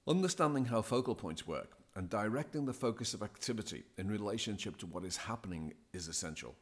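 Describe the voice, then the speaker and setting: A man speaking as a podcast guest, giving deliberate, emphatic advice as a DJ coach. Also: lowish voice, lively intonation. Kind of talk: measured, scripted-sounding advice.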